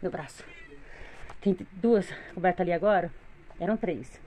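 A woman's voice: fairly low pitch, normal speed, mellow. A middle-aged woman with a Brazilian Portuguese accent venting in a weary, complaining tone in a casual home vlog, filmed on a phone in her living room. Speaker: vlogger, mother of three.

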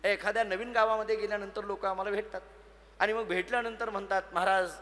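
A man preaching a devotional sermon, telling stories with animated rhetorical questions and sing-song quoted verses. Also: sits high, fast, long reverb tail. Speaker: kirtan preacher. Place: large festival gathering.

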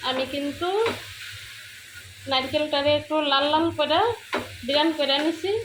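A woman with a Brahmanbaria Bengali accent talks through a cooking demonstration, explaining local words as she goes. Her voice sits high and stays fairly level in pitch. Faint kitchen sizzling and frying noise runs underneath. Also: steady tone, measured pace. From Brahmanbaria, Bangladesh. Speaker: cooking vlogger.

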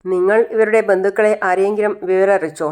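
A narrator voicing a calm male hospital doctor who explains things patiently. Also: medium pitch, fast talker, clear, resonant tone, close to an everyday voice. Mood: reassuring. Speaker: doctor in the story.

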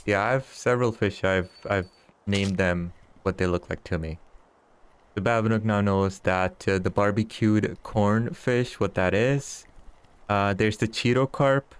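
A fairly low, smooth male voice, a bit slow in pace. He's an early-thirties streamer playing a fishing game, joking with his audience and chuckling often in relaxed live-stream chatter.

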